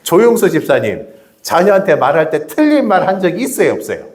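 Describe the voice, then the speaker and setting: A man's voice: fairly high pitch, wildly swooping pitch, brisk. A middle-aged man preaching a sermon in a church, keeping up rhetorical questions and calling out to members of the congregation. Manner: chats directly with the congregation. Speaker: pastor. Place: church sanctuary.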